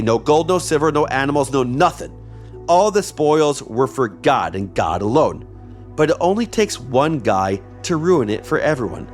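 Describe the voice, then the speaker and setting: A man narrates a history podcast from a script and slips in wry, chatty asides. His voice sits at an ordinary middle pitch. Faint music plays behind him. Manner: wry, conversational. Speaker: podcast host.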